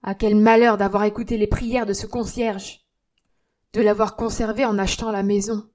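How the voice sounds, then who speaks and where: A woman reading aloud voices a stern young man who gives orders and threatens in a loud, commanding tone. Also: mid-range voice, level tone, normal speed, lightly acted. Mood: dismayed. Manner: commanding, menacing.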